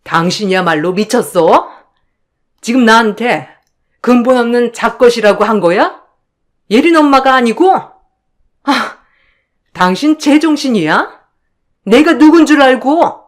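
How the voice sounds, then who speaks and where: A haughty sister-in-law who hurls accusations in a voice pitched well above the narrator's own, loud and sharp-edged, as a woman reader puts her on. She sneers and barks rather than talks, and she never lets up. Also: expressive, unhurried. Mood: scornful, shrill. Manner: sharp, scornful and shouting. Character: shrill, arrogant sister-in-law accusing of theft.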